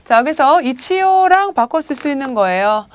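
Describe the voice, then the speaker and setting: In a recorded vocabulary lesson, this woman, a Japanese language teacher, keeps nudging students along with prompts and rhetorical questions. She speaks at normal speed in a high, very animated voice, and the recording is dry.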